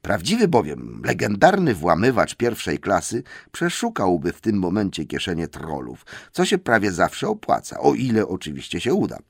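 Male audiobook narrator, low voice, animated storybook reading, dry studio sound. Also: normal speed, creaky, hardly any pauses, husky, no echo. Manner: lively, expressive reading.

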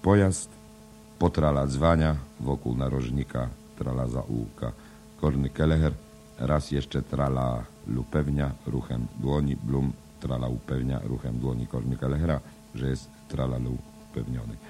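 A man reading a novel written as a play, measured and even, reading the stage directions aloud. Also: a bass voice, soft background music. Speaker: audiobook reader. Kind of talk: scripted narration of a play-like novel.

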